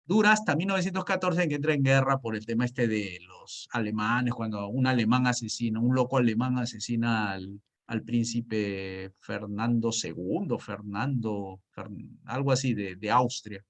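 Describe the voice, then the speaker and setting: A man's voice: medium pitch, normal speed. A man teaching an economics class, asking himself questions and answering them, with frequent hesitations and restarts. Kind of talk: spoken lecture.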